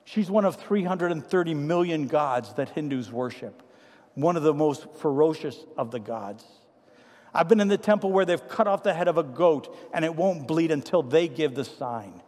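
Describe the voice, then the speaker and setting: An older male pastor delivers a sermon with a fairly high voice. He tells stories emphatically, rising to loud declarations and dropping to hushed asides. His voice carries a long reverb from the church hall. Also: animated, moderate pace. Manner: emphatic storytelling preacher, swinging from loud to hushed. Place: church sanctuary.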